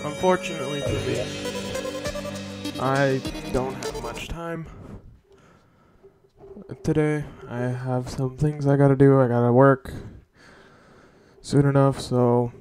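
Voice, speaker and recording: A man's voice: mid-range voice, takes it slowly, pauses often, over music. A man streaming a game, chatting casually as he signs off to his viewers. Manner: relaxed, chatty sign-off to viewers.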